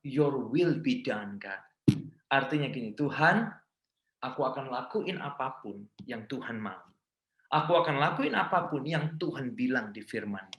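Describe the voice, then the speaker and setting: Indonesian pastor preaching, bright tense voice, big echoey church, goes loud then soft. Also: male voice, a little high. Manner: switches often between Indonesian and English phrases; dynamic, swings from loud emphatic lines to hushed quiet ones. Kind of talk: sermon. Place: large church hall.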